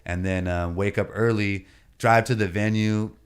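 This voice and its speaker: Man, podcast guest, comedian, deep voice, slangy laid-back storytelling. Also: fairly even intonation, normal speed, clear, resonant tone. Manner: laid-back and slangy, fills talk with "you know what I mean" and "bro". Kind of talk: casual storytelling chat.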